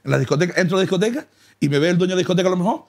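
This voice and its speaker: A comic man spins mock-humble brag stories in a gravelly, fairly high voice. His pitch leaps and swoops as he talks, and he keeps breaking into laughter. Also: lively intonation, racing, a little mellow. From Canary Islands. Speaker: comedian guest. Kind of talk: comic storytelling in casual chat. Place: car.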